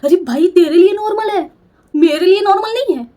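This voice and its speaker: A woman's voice: extremely high pitch, a little fast, mellow. A young woman telling a personal story in an emotional, confessional, self-reproaching way. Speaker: storyteller vlogger.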